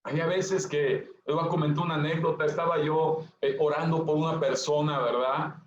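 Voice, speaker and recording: Male pastor, high voice, emphatic repeater, roomy lo-fi church recording. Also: fairly even intonation, normal speed, slight background noise. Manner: emphatic repetition, addresses listeners directly. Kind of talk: sermon. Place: church hall. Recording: echoey, dull lo-fi church recording.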